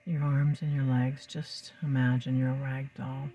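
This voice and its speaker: A hypnotist leading a calm guided induction, with soft, breathy, soothing speech and slow phrases broken by lingering pauses. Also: mid-range voice, faint music behind.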